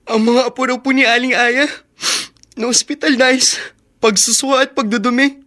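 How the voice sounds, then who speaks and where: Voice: medium pitch, fairly even intonation, moderate pace, bright, forceful tone, close to an everyday voice. A performer playing a young man who is crying while telling his grandmother about a family quarrel, in a radio drama. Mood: upset. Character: tearful teenage grandson. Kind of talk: Filipino radio drama acting.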